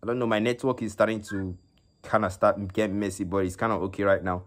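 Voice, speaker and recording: Halting male esports stream commentator. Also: on the low side, little pitch movement. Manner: halting, with many fillers and repeated words. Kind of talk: live stream game commentary. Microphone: phone.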